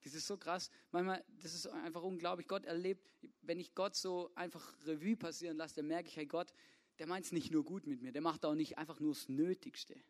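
A man's voice: a little high, fairly even intonation, a little fast. A young man preaching a casual youth sermon, full of slang and often asking the listeners to agree. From Swabia, Germany. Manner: casual, informal, keeps asking "oder?".

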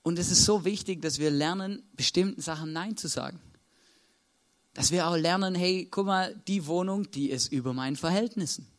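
A man's voice: high voice, normal speed. A man with an Austrian accent preaching a sermon in a conversational way, checking in with listeners after nearly every sentence. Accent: Austrian German.

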